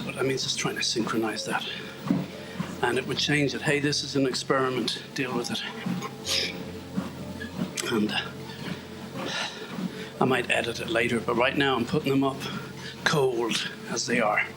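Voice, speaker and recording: At home on a treadmill, an Irishman with a mid-range voice hosts a podcast by musing aloud in a wandering fashion, sniffly and quick to mock himself. Background music sits beneath him in a poor-quality recording.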